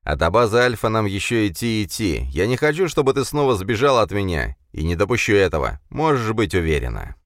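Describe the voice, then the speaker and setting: A man voicing a cold male villain who speaks calmly, with command and scorn. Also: on the low side, fairly quick, hardly any pauses, no room sound, clean studio sound. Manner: calm, cold and mocking.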